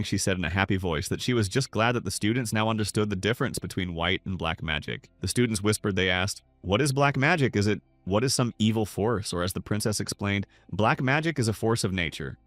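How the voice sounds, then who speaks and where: A man with a fairly low voice narrates a comic story recap at a brisk, rapid clip. His delivery is steady and scripted, recorded close and dry with no room sound. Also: no echo.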